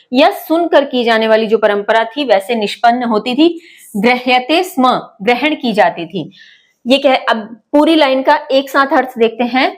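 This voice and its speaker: A woman teaches an online class, her voice sitting a little high. She goes slowly and patiently, repeating each word and putting questions to her pupils. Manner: patient, slow and repetitive, asks pupils questions. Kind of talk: online lesson, explaining word by word.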